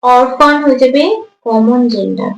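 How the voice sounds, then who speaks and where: A woman teacher going through exam answers, reading English prompts slowly, explaining them in Bengali and spelling words out letter by letter. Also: fairly high pitch, gravelly. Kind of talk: exam answer walkthrough lesson. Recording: echoey room.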